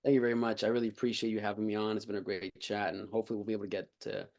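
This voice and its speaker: A man's voice: lowish voice, level tone, very fast, creaky, a little mellow. A man speaking as an interview guest, chatting casually in an earnest, appreciative way. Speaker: actor being interviewed.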